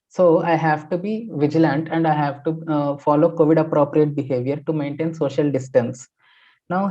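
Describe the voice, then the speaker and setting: A man's voice: on the high side, warm tone. A man, a sociology teacher explaining newspaper articles in a methodical lecture full of fillers and restarts. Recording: dull lo-fi sound.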